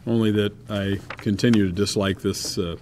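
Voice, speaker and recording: Council guy, really deep voice, slow and halting with lots of uh, faint hiss. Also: fairly even intonation, a little mellow. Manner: slow, hesitant, with many uh pauses. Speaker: council member. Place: council chamber.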